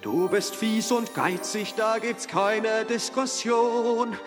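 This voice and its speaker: A good-humoured young nephew in a musical radio play, friendly and gently pleading. He speaks and sings in a high, slow voice. A long reverb hangs on the sound, with loud music underneath. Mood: cheerful song. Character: cheerful warm-hearted young nephew. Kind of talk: musical audio drama, sung and spoken.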